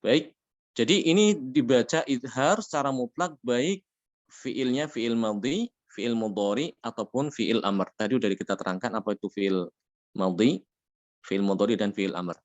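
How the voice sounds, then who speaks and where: In a mid-range voice, a man teaches a Quran recitation lesson on tajweed rules. He explains the rules patiently, checks in often with "ya," and chants Arabic examples slowly.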